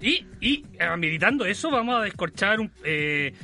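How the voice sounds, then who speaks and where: A man with a Chilean accent co-hosting a casual chat show, animated and laughing often. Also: high voice, normal speed. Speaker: co-host.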